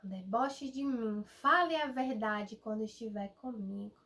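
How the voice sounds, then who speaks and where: A woman's voice: on the high side, normal speed, fairly bright tone, far from the mic. A woman voicing a stern, impatient male king who gives commands, in a children's Bible story. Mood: demanding.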